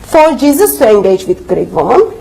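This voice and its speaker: Speaking English as a non-native language, a woman gives a debate rebuttal to a room at a university debate, her phrasing earnest, emphatic and a little unidiomatic. Her voice is high, light and warm, very animated, at a moderate pace. The audio is poor, with slight background noise.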